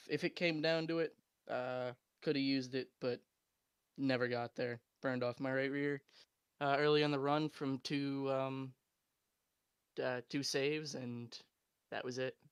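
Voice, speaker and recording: A man, the second-place racer, answering calmly and matter-of-factly in a post-race interview. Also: medium pitch, measured pace, clean tone, no room sound. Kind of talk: casual interview.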